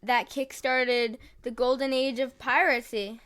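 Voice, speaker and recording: A woman's voice: sits high, fairly even intonation, measured pace, a bit bright, smooth. A woman co-hosting a podcast in casual chat, playful and teasing, often giggling. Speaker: podcast co-host.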